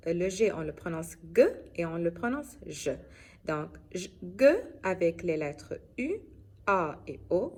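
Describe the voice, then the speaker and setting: A woman gives a French phonics lesson in a slow, deliberate voice. She sits a little low in pitch and checks in with her listeners again and again. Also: a little mellow. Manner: slow, careful, checks with "d'accord?". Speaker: French teacher.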